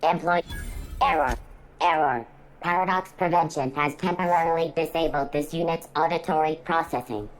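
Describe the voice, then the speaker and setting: Game role: a low-voiced female security robot that keeps glitching into error messages, stiff and formal, played by a woman, faint music underneath. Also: moderate pace, lightly acted, low-quality recording. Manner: clipped, official announcements. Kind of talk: video game dialogue.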